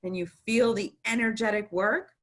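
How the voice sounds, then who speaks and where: A woman's voice: medium pitch, moderate pace. A woman co-hosting a casual spiritual conversation, guiding and prompting her partner. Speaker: podcast co-host, former therapist trainee.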